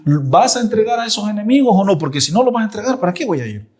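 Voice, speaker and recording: A man's voice: sits high, sing-song, fast talker, darkish tone, voice pushed up. A man quoting King David in a sermon, voicing an anxious warrior king who questions God in a pleading way.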